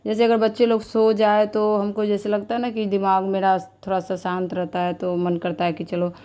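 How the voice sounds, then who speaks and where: A woman's voice: medium pitch, completely flat delivery, normal speed, warm tone, clean tone. A woman vlogger in her thirties talking casually and with feeling, often repeating herself. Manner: chatty, repetitive, heartfelt. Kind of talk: casual vlog narration.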